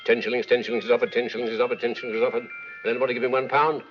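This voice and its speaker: An actor playing a chatty, hustling auctioneer, in theatrical, repetitive sales patter from 1940s film acting. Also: male voice, mid-range voice, level tone, very fast, close to an everyday voice. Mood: coaxing, hustling. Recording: muffled 1940s film soundtrack, music behind.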